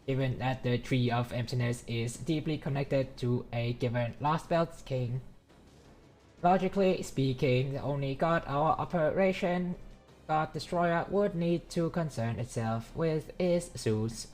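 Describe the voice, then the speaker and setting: A woman voicing a stern heroic commander who delivers a long, formal speech in a measured orator's manner for a game. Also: extremely low pitch, darkish tone, faint music behind. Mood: solemn resolve.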